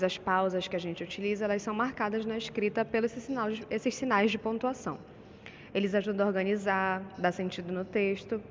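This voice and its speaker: A Brazilian Portuguese-speaking woman teacher giving a recorded lesson to her pupils, patient and checking in often with short questions. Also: mid-range voice. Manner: patient, with frequent "tá?" and "né?" check-ins. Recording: dull lo-fi audio with long reverb and faint noise.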